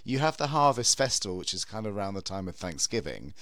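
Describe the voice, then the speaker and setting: A man's voice: lowish voice, very animated, fast talker, a bit bright, no room sound, studio quality. A British man in his fifties chatting casually as a podcast host, rambling with false starts. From United Kingdom. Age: 50s. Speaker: podcast host, drag queen horror host.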